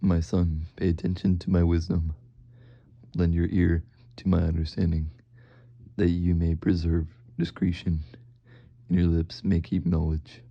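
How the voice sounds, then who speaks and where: A man reads scripture in a very low, completely flat voice with a creaky, gravelly edge. He goes slowly and haltingly, deadpan throughout. The recording is dry and somewhat dull. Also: dry recording. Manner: deadpan, halting with stumbles over words. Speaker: reader. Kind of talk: monotone scripture reading.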